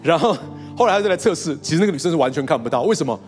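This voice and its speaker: A man's voice: on the high side, lively intonation, very fast, faint music behind. A male pastor telling a story in a sermon to his congregation, acting out quotes and laughing along with them. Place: church hall with congregation.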